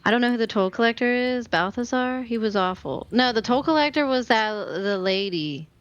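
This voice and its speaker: A woman streaming a co-op game with friends, excitable, swearing freely and coaching her teammates. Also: on the high side, normal speed, no room sound, highs cut off. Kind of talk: casual gaming chat with friends.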